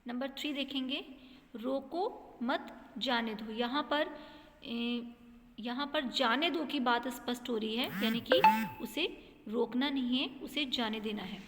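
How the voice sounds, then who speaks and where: A woman's voice: a little high, a little slow, fairly bright tone, in a large hall, a little hiss or hum. A woman teacher giving a grammar lesson to students, explaining patiently and checking in often. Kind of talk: classroom lesson.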